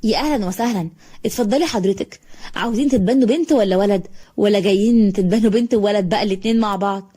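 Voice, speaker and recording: A woman voicing a talkative Egyptian orphanage director in a storybook tale, brisk and matter-of-fact. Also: medium pitch, mellow, close to an everyday voice. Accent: Egyptian Arabic. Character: middle-aged female orphanage director, chatty.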